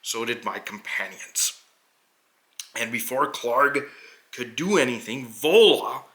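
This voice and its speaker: A man voicing a noble, earnest hobgoblin adventurer who recounts a tabletop quest with deliberate, halting phrasing and dramatic pauses. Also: mid-range voice, sharp tone, heavily acted. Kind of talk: in-character narration of a tabletop adventure.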